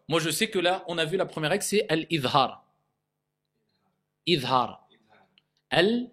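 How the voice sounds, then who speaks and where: Male tajwid teacher, slightly high voice, drills Arabic words slowly, keeps checking understanding. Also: fairly bright tone. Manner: checks in with frequent "d'accord?" and "ok?". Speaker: Quran recitation teacher. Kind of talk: tajwid lesson.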